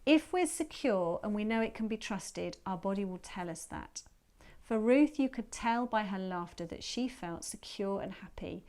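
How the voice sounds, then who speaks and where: A woman therapist calmly explaining to her viewers how she guides a visualisation session. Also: mid-range voice, moderate pace. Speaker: therapist and teacher.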